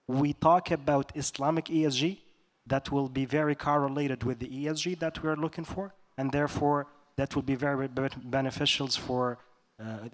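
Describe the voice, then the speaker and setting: A man speaking as a conference panelist, arguing a point. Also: medium pitch.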